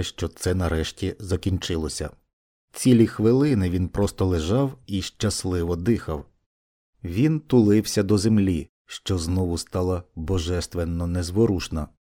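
A man narrates an audiobook in a low, warm, mellow voice. His reading is steady and measured, paced like scripted storytelling.

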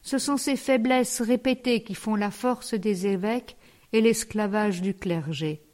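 A woman's voice: medium pitch, unhurried, darkish tone, natural voice. A woman reading the part of a young male curate, earnest and grave in tone.

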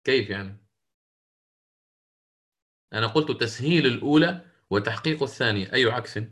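A man's voice: mid-range voice, expressive, fairly quick, a bit bright. A man teaching Quran recitation rules in an interactive lesson, questioning students and correcting their answers.

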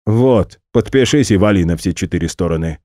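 Man reading a bristling headmaster, snapping orders in a deep dark voice. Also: animated, fairly quick. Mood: nervous. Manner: barking, trembling with rage. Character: angry middle-aged male school director.

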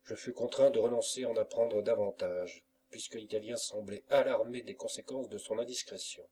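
A man's voice: on the low side, fairly even intonation, moderate pace, warm tone, slight background noise, close to an everyday voice. A man voicing an anguished young lover who pleads earnestly, in an audiobook. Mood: pleading.

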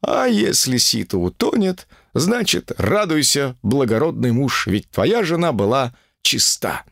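A pompous fanatical guru drawls out his sermons in a gravelly, raised voice, as a man reading an audiobook puts him on. His pitch leaps and falls with each indignant phrase, and he drags every word out slowly. The sound is dry and close. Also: big pitch swings, fairly bright tone, no room sound, full character voice. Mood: self-righteous. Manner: sanctimonious, drawn-out preaching. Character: pompous fanatical male guru preaching against women.

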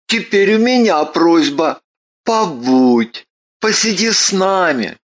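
Lady playing a warm welcoming lord guy, slow, a bit husky, storybook voice. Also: lowish voice, lively intonation.

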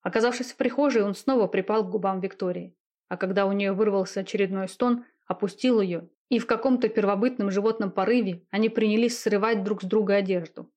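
A woman reading a romance novel aloud in a steady, intimate narrating voice. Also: medium pitch, a little fast.

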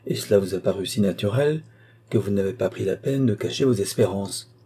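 A man's voice: on the low side, a little fast, warm tone, slightly rough. A man voicing a proud, principled young man who answers his mother firmly and earnestly. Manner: earnest, firm.

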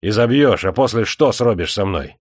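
A man voicing a gloomy, rebellious runaway in chains with a grim, rough way of speaking. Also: deep voice, animated, a little slow, dry recording, studio quality, full character voice. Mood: furious. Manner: grim, then shouting in rage.

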